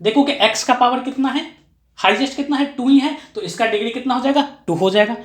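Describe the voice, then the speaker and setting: A woman's voice: fairly high pitch, fairly quick. Woman teaching maths in an echoey room. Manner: keeps asking and answering her own questions; repeats key phrases for emphasis. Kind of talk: explanatory classroom lesson.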